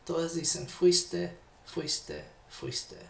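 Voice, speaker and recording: A male teacher with a Chilean accent explains grammar patiently and deliberately, talking straight to his students. His voice sits fairly high and has a gravelly edge, and he speaks slowly. The room around him is echoey. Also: sing-song. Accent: Chilean Spanish. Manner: patient, deliberate, addresses learners directly. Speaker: English teacher. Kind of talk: classroom lesson explanation.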